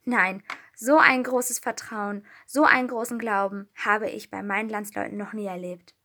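A woman's voice: medium pitch, fairly even intonation, moderate pace. A woman voicing Jesus as a patient, kind man in a storybook reading. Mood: gentle. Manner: gentle, patient.

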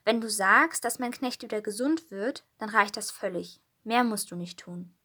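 A woman's voice: mid-range voice, normal speed, pushed and bright. A woman voicing a Roman army captain who speaks firmly and trustingly in a storybook reading. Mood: earnest.

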